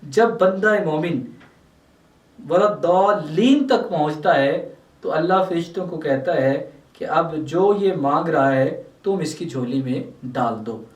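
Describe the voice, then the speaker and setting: A man's voice: a little high, reverberant, distant mic. A man with a Pakistani Urdu accent gives a religious lesson, reciting verses and explaining them word by word. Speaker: Islamic scholar teaching Quran translation.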